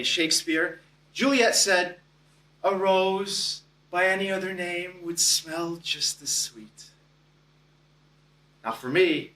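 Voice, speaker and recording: Lively male storyteller in an echoing hall. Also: on the high side. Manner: dramatic storytelling with deliberate pauses. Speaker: contest speaker. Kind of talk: prepared contest speech. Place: club meeting hall. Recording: echoey hall from a distance.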